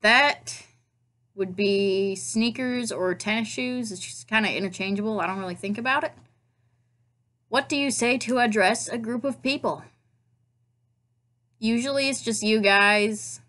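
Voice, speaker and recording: This is a casual accent tag video from a young woman vlogger from Nebraska, USA, recorded on a laptop webcam in her bedroom. With a Nebraska accent, she chats, mocks herself, and tosses in playful asides, speaking a little high and a little slowly, slightly bright, with long pauses.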